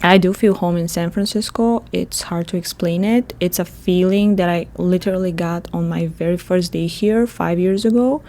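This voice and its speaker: Podcast host: Bulgarian woman, 30s, chatty and laughing, lowish warm tone. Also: moderate pace, hardly any pauses. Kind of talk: solo podcast monologue.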